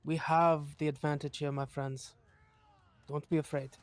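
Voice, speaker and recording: A man's voice: on the high side, level tone, measured pace, dry recording. A man playing a tabletop game, talking reassuringly and reasoning through plans with the group. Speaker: player. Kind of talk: casual in-character game talk.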